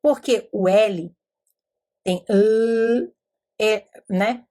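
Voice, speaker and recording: A middle-aged woman from Brazil teaching about literacy in a casual, explanatory way, slowly sounding out letters and telling classroom stories. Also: medium pitch, warm tone. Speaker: educator teaching literacy methods. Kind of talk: informal teaching talk.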